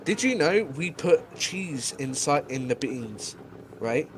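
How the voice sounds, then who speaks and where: A man's voice: a little high, sing-song, takes it slowly, noisy background. A man with a Scottish accent, co-commentating a drift livestream with teasing, jokey banter. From United Kingdom.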